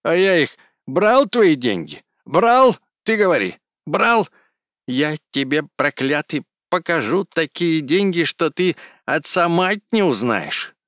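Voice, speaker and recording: A man voicing a hot-tempered peasant man who screeches and shouts quarrelsomely. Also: fairly high pitch, big pitch swings, slow, no room sound, clean studio sound, voice pushed up, heavily acted. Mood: yelling.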